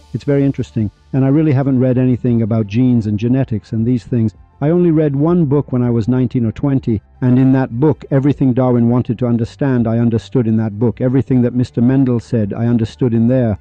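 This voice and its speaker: A man's voice: medium pitch, warm tone, no room sound. A man hosting a monologue podcast who tells dramatic stories in a rhetorical, preachy way, repeating lines for effect. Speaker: podcast host. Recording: slightly dull lo-fi recording.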